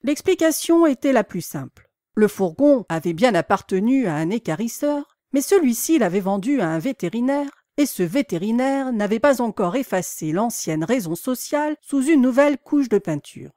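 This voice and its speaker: A woman's voice: fairly high pitch, big pitch swings, warm tone, no echo, studio quality. Woman reading an audiobook dramatically. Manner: measured, dramatic storytelling. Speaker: audiobook reader. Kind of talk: expressive audiobook narration.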